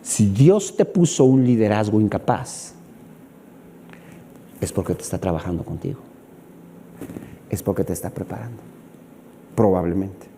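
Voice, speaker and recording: Animated Mexican pastor preaching. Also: male voice, fairly low pitch, measured pace, pauses often, slight background noise. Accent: Mexican Spanish. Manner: animated, acts out scenes, asks rhetorical questions. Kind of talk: sermon.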